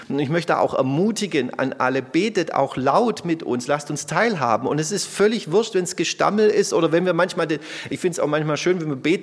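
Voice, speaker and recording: A man preaching a conversational sermon, swinging between loud emphatic bursts and soft, low passages, often adding little tag questions. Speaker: pastor. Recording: long reverb of a large hall.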